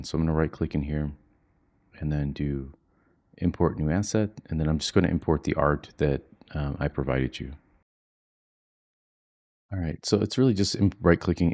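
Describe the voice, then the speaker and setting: A man with a very deep, dark voice talks through a screen-recorded coding lesson. He keeps it quiet and flat, as if trying not to wake anyone at home. His pace is relaxed and chatty, with plenty of fillers. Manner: quiet, low-key monotone delivery; relaxed walkthrough with frequent fillers. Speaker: coding instructor. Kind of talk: screen-recorded software tutorial. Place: home, with children asleep nearby.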